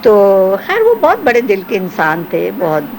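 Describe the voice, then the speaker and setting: In poor audio with slight background noise, an older woman speaks at medium pitch. A former film actress, she reminisces in an interview with animated storytelling, acting out the voices she quotes.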